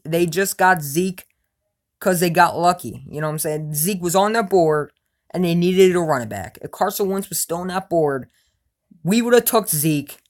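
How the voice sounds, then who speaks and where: A woman with a slightly low voice rants as a sports fan vlogger answering her viewers. She is emphatic and blunt, with loud outbursts that drop to low mutters. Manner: emphatic, repeats "you know what I'm saying". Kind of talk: casual opinionated rant.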